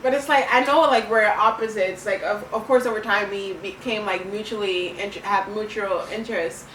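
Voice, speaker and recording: A woman's voice: medium pitch, steady tone, normal speed, fairly bright tone. A young woman chatting casually and telling stories in a giggly, chatty way as co-host of a couple's video. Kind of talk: casual chat. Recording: echoey room, distant mic, faint noise.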